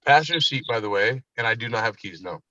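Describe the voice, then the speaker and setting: A man's voice: medium pitch, animated, fast talker, bright, forceful tone, no room sound. Rambling, swearing man on a dull line. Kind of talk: casual chat. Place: parked vehicle, passenger seat. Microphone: phone.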